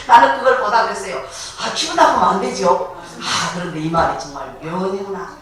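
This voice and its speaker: A woman pastor preaching a sermon in a lively, animated way, laughing often and acting out biblical voices. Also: mid-range voice, brisk. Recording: echoey hall, voice from far off, faint noise.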